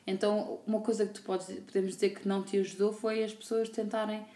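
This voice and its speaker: Fast-talking woman host in a roomy space. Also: mid-range voice, flat delivery, warm tone. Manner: quick and chatty, supportive. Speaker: podcast host. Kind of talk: casual podcast conversation. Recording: roomy with faint ambient noise.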